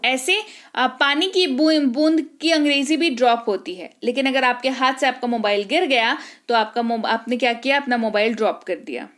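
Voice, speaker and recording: A woman teaching a vocabulary lesson, reading each Hindi word and then its English meaning slowly and deliberately, checking in with the learners now and then. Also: high voice, a bit bright. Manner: explains with rising checks.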